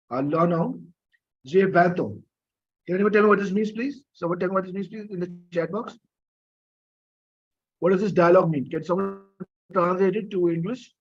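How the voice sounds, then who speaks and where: A man's voice: high-pitched, slightly rough, highs cut off. A man teaching an online French class, patiently coaxing students for answers, with many fillers and coughs. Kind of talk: live online class lecture.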